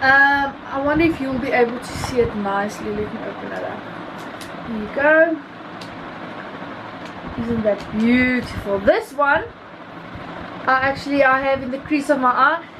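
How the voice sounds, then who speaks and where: A woman's voice: high-pitched, a little slow, pauses often. A woman in her thirties with a South African accent, giving a rambling, casual product review as a beauty vlogger, often correcting herself. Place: small room indoors. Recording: clearly noisy home recording, ambient hum.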